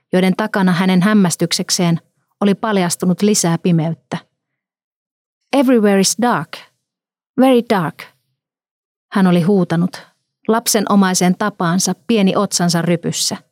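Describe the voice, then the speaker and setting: Woman, lowish voice, calm story narration, dry close sound. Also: no room sound.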